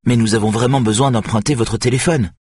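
A man's voice: mid-range voice, fairly even intonation, brisk, a little mellow, husky, pitched above the performer's own voice, close to an everyday voice. A man doing an exhausted, pleading young man. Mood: urgent. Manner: urgent, pleading.

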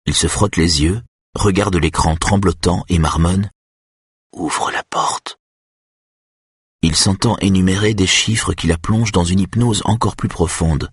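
Deep voiced guy reading an audiobook, kinda husky, dry close mic, calm steady read. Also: dry recording. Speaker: audiobook narrator. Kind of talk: scripted narration.

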